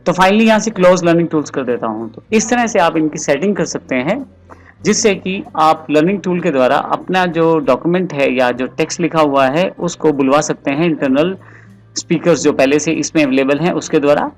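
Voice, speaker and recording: A man explaining software step by step, addressing the viewer in a screen-recorded tutorial voice-over. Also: a little high, a little fast, faint music behind.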